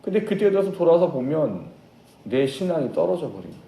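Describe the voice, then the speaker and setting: A man preaching a sermon as pastor, telling a story with lively changes and acting out shouted lines. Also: fairly high pitch, fairly quick, gravelly, echoey room, rough recording. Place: church sanctuary.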